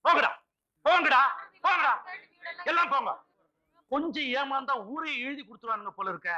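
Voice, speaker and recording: An actor playing an exasperated village president who scolds the villagers in a film comedy. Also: male voice, extremely high pitch, animated, brisk, bright, forceful tone, full character voice, rough recording. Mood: scolding.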